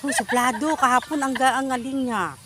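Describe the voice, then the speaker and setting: A woman's voice: high-pitched, fairly even intonation, brisk. A woman vlogging in a park, casually chatting and calling her dogs in coaxing baby talk, mixing Tagalog and English. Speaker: vlogger and dog trainer. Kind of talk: casual chat with dogs outdoors. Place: park outdoors. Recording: outdoor noise behind.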